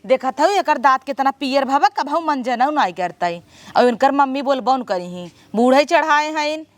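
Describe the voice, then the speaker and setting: An actress with an Awadhi accent playing a grumbling elder sister-in-law in a village comedy skit, scolding and gossiping. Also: female voice, sits high, lively intonation, normal speed, no room sound. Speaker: comic actress.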